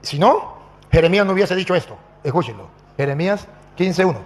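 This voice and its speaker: Middle-aged priest who preaches animatedly and acts out stories; high-pitched male voice. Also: fairly quick. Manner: animated, quotes scripture and acts out dialogue.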